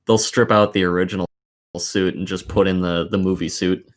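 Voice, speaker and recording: A man with a low, steady voice talks at normal speed as a podcast co-host. He rants casually about games and films, profane, exasperated and emphatic in his opinions.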